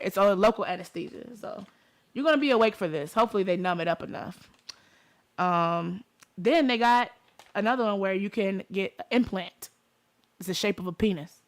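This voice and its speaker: In a Detroit accent, a woman from Detroit, United States, hosts an informal, conversational talk show aimed right at her listeners. She speaks at a moderate pace in a mid-range voice.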